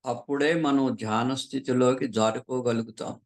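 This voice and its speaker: A meditation teacher from southern India with a gravelly, medium-pitched voice guides a meditation. He speaks calmly and unhurriedly, with frequent pauses between short phrases.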